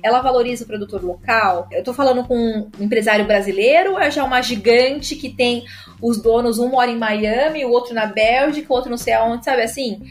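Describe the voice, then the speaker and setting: Brazilian woman, high voice, explaining at length. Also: fairly quick, slight background noise. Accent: Brazilian Portuguese. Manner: explains at length, many filler tags and restarts. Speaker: sommelier guest. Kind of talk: casual explanatory chat.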